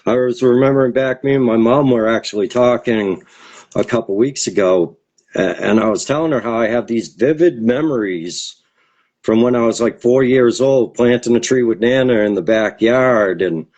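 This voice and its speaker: A man speaks as a guest in a relaxed interview, at a middle pitch typical for a man. He wanders through his stories, trailing off, restarting and filling gaps with fillers. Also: moderate pace, highs cut off. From Boston area, USA. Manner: rambling, hesitant, many fillers and restarts. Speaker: featured poet guest. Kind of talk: casual interview conversation.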